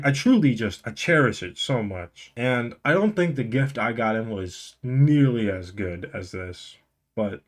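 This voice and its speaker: Low-voiced man with a numb, dental-work mouth. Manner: deliberate enunciation through a numb mouth. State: mouth numb on one side after the dentist, slightly slurred. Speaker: video host. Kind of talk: casual storytelling vlog to camera.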